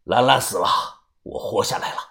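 Man doing a cold, low-voiced avenger. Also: gravelly. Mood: cold menace. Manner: low, cold, measured, quiet. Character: vengeful young man back from death, cold.

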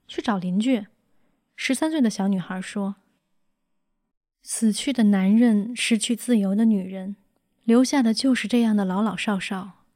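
Calm, mellow woman narrator. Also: mid-range voice, no echo, clean studio sound. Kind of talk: reading a memoir aloud.

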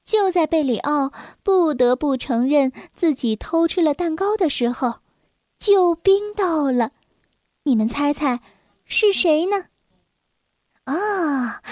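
A woman hosting and narrating a children's storybook in a gentle, expressive way. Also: high-pitched, takes it slowly, no room sound, clean studio sound. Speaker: storyteller host.

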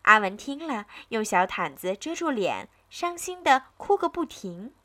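A woman storyteller reading a bedtime tale to children, her voice bright and fairly high. She speaks gently in a sing-song way, with lively rises and falls. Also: measured pace.

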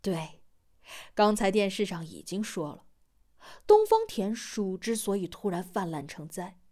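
A woman narrating a novel as an audiobook in measured storytelling style, giving voice to every character. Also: medium pitch, big pitch swings, mellow.

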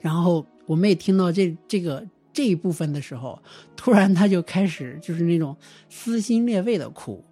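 A man casually retelling a strange family experience as a guest storyteller, in a loose, halting way with frequent restarts. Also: high voice, lively intonation, dark tone, husky, soft background music. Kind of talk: casual spoken storytelling of a real ghost experience.

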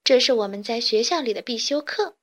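A chirpy young alien chick, a little boy from the stars who explains things with eager pride, as a woman reading a storybook puts him on. The voice sits fairly high and bright in the story's cheerful tone. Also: lively intonation, brisk. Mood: lively. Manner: chirpy, eager and a bit proud. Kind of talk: storybook character voice.

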